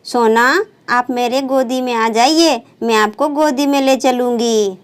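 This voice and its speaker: A woman's voice: a little high, measured pace, clear, resonant tone, natural voice. A woman voicing a firm, chiding young mother. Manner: firm, chiding but caring. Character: young mother, busy and mildly scolding.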